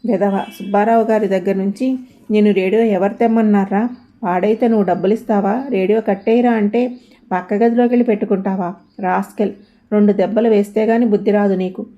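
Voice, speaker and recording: A woman voicing a bitter, angry young man stuck in bed, who snaps and shouts at his family. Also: mid-range voice, fairly even intonation, fairly quick, highs cut off, lightly acted. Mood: bitter, shouting. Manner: snapping, shouting.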